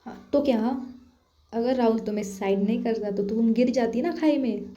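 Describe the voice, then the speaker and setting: A woman's voice: on the high side, mellow, close to an everyday voice. Woman playing a scolding, caring college girl. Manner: scolding, fast lecturing. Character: strict but caring young college woman. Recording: echoey room, dull lo-fi.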